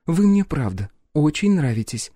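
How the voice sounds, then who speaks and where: A man voicing a calm, teasing young woman, a former sport shooter. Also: fairly high pitch, moderate pace, no room sound, clean studio sound, pitched above the performer's own voice. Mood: wry, calm.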